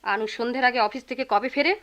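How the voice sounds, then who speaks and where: A firm, sharp-tongued middle-aged mother in a 1990s radio drama, played by a woman. Her voice sits a little high, and she speaks with steady reproach. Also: quick pace, lightly acted. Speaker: mother of grown children.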